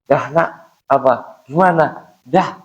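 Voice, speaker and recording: A man voicing a gentle mother who soothes her frightened little son with repeated coaxing reassurances. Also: medium pitch, slow pace, lo-fi sound, voice pushed up. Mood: soothing.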